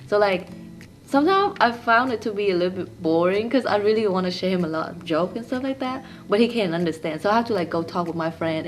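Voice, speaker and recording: A woman's voice: mid-range voice, a little hiss or hum. Young woman. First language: Vietnamese. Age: young adult. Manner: simple, plain phrasing in a second language. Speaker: interviewee. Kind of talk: casual interview answers.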